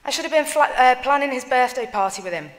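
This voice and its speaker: A woman reading written family tributes aloud at a funeral service, in a measured, solemn way. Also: sits high, lively intonation, a bit bright. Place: church. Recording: long church reverb.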